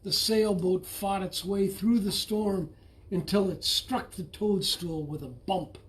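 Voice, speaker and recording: Man reading a children's picture book aloud, unhurried and expressive. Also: high-pitched. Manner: slow, expressive storytelling. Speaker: storybook reader.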